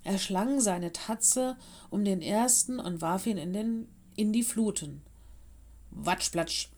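A woman reading a children's story aloud in a calm, gentle storytelling voice. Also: mid-range voice, slow pace.

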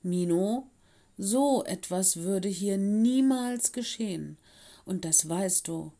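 A woman voicing a calm, warm female cat headmistress in a storybook reading, speaking slowly and reassuringly. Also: medium pitch. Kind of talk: audiobook reading.

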